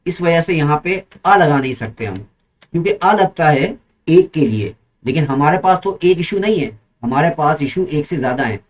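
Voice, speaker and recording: Guy teaching english, says stuff slow and over again, kinda high voice. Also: low-quality recording. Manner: repeats phrases slowly, then explains in Urdu-flavored Hindi. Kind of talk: spoken English lesson with slow drills.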